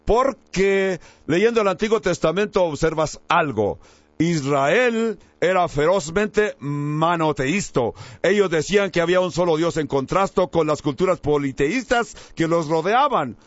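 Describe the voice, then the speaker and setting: A man's voice: animated, measured pace, dry recording. Male preacher, emphatic sermon delivery, dry close sound. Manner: emphatic, rises in pitch on key words. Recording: dry, slightly dull recording.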